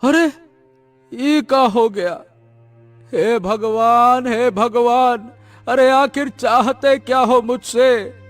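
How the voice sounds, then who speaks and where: A very high, slow-drawling cartoon woodcutter, greedy and excitable, played by a man. He exclaims at everything over faint music. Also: no echo. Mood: despairing.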